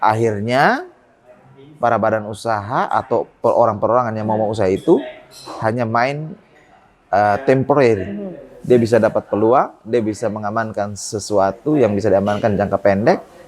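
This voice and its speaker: Hesitant man rising to emphatic points. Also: normal speed. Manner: many hesitations, rises in pitch when making a point. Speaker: port business guest. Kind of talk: interview answers.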